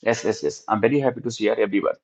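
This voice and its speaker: A man's voice: lowish voice, racing, gravelly. A man with an Indian accent teaching a live online physics lesson, often repeating phrases and questions and addressing his students in a familiar way. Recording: dull, lo-fi microphone sound.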